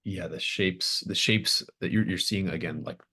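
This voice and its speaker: In an extremely low, husky voice that still comes across pushed and bright, a game master improvises a tabletop roleplaying scene. His descriptions are thoughtful and come in halting phrases as each image takes shape.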